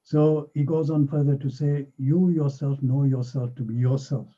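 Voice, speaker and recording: A man teaching a scripture class, explaining verses step by step in an earnest, unhurried way with small fillers. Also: medium pitch, fairly even intonation, dark tone, highs cut off. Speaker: spiritual teacher.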